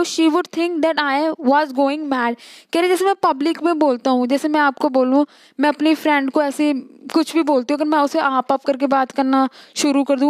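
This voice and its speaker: A young woman with an Indian accent, her voice pitched high, teaching a college lesson. She reads English passages slowly and deliberately, then explains them in brisk conversational Hindi, recorded close and dry with no room sound. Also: darkish tone, no room sound.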